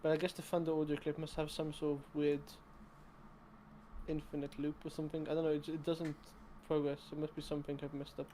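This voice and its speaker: A man's voice: fairly high pitch, completely flat delivery, a little fast, warm tone, a little hiss or hum. A young man co-hosting a casual game-development chat on a call, rambling and self-deprecating with many restarts. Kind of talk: casual chat over gameplay.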